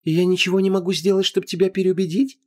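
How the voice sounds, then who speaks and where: A man's voice: sits high, flat delivery, quick pace, voice pushed up, lightly acted. A man voicing a sweetly smiling, seductive goddess of love who speaks in a honeyed, coaxing, condescending way. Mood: persuasive.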